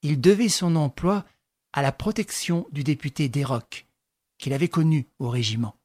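Male narrator for a classic novel, steady measured delivery, slightly high pitch. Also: no room sound. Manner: measured, even storytelling reading. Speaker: audiobook narrator. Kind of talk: scripted narration.

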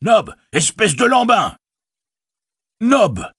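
A man voicing a chatty, fretful stout innkeeper who rambles and exclaims, with a husky voice. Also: mid-range voice, sing-song, normal speed, dry recording, studio quality, voice pushed up, full character voice. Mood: excited.

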